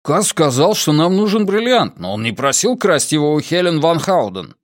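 A man voicing a grumbling young male sharpshooter with quick retorts in an audiobook. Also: medium pitch, expressive, no echo, clean studio sound, lightly acted. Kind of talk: audiobook character voice.

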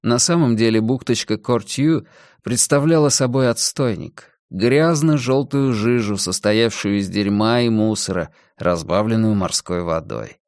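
A man reading a novel aloud as an audiobook narrator, in a measured, deliberate manner. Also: fairly low pitch, a little mellow, dry recording, studio quality. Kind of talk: scripted narration.

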